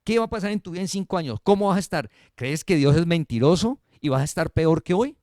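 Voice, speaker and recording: A man's voice: fairly high pitch, animated, fast, dry recording, clean studio sound. A man preaching a sermon, asking the congregation questions and answering them himself. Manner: preaching with rhetorical questions, swings between loud and soft. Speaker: pastor. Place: church service streamed online.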